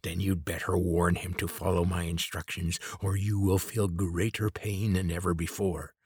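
A man's voice: deep voice, little pitch movement, moderate pace, darkish tone, slightly rough, no echo, clean studio sound, exaggerated voice. A man doing a quavering, menacing old man. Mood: threatening. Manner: snapping, threatening.

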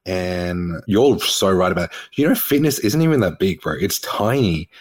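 Excitable male host, 30s, deep-ish voice, casual slangy delivery. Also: moderate pace. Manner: excitable, slangy, lots of "bro" and "like". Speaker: podcast host. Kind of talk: casual chat.

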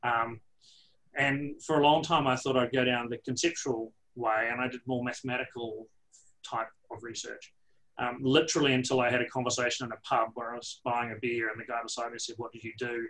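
A man's voice: medium pitch, little pitch movement, a little fast, a bit bright, rough recording. A man with a New Zealand accent telling his story as an interview guest, with wry, self-deprecating humour. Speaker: interview guest, water science professor.

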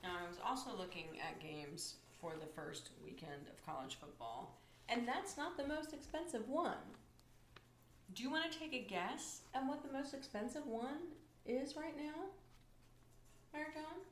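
A woman's voice: sits high, animated, moderate pace, slight background noise. A woman co-hosting a casual sports chat, talking playfully and exclaiming over ticket prices. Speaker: podcast co-host. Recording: echoey room, faint ambience.

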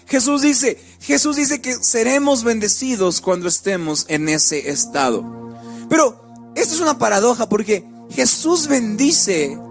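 A man preaching in a very high voice, his delivery rising and falling in a sing-song cadence. He restarts phrases and repeats small words as he builds his points. Soft music plays faintly behind him. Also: animated, unhurried, vocal fry. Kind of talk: sermon.

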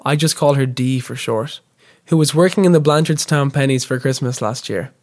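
A man, a podcast host, reading scripted comic narration in a deadpan, mock-grandiose way. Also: mid-range voice, normal speed.

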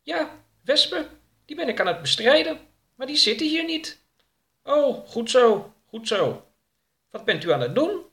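Man playing a wide-eyed naive youth for a storybook, high and lively. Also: a little slow, pauses often, full character voice. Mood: innocent. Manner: innocent, eager questions. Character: odd, naive young man, cheerful and literal.

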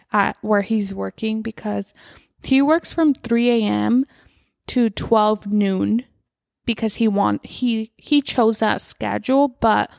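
Podcast host, woman in her thirties, casual rambling chat, some vocal fry, dry close recording. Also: mid-range voice, a little mellow, no room sound. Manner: chatty, rambling, frequent "like". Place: inside her house at night.

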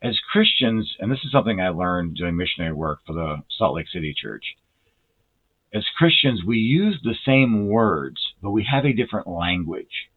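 A man preaching a sermon in an earnest, measured way, slowing down to stress key words. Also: on the low side, big pitch swings, husky. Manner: earnest, measured, with slow deliberate emphasis; self-described dry sense of humor. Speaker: lay preacher. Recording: tinny phone-like audio.

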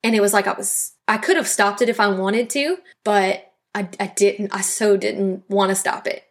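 A woman's voice: mid-range voice, fairly even intonation, normal speed. A young woman from South Louisiana telling her personal faith testimony on a podcast in an earnest, reflective way. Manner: earnest, reflective storytelling with quoted dialogue. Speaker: podcast host.

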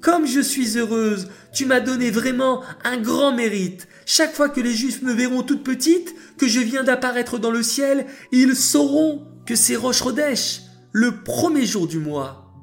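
A man voicing a small, gentle female moon in a children's story, talking in a high, childlike way. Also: takes it slowly, faint music behind, heavily acted. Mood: delighted.

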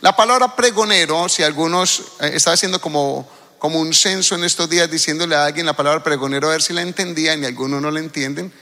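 A man's voice: on the high side, fast. A man from Colombia, preaching a sermon and calling out to the congregation. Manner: lively, calls out to the congregation. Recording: hall reverb.

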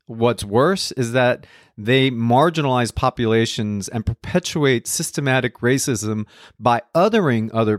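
On a podcast, a middle-aged Colombian man who works as a nutrition counselor chats with a wry, lightly joking manner. His medium-pitched voice is captured with studio quality and no room sound.

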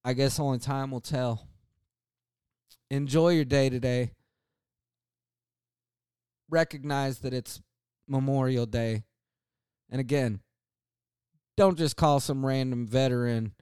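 Middle-aged veteran host, earnest and candid, halting pauses, very smooth tone. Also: male voice, mid-range voice, dark tone, no echo, studio quality. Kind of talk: casual heartfelt monologue.

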